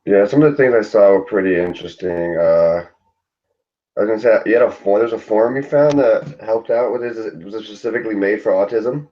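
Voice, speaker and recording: A man's voice: fairly low pitch, a little fast. A young man student in a casual group discussion, talking loosely and hesitantly with many fillers, on dull lo-fi audio.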